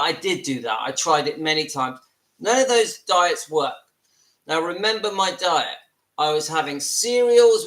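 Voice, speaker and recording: A man's voice: fairly high pitch, pushed and bright, roomy sound, poor audio. A man in his fifties with a West Country English accent, talking earnestly and a little self-deprecatingly to viewers from his home in a casual live video. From southwest England. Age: 50s. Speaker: vlogger. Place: at home, seated.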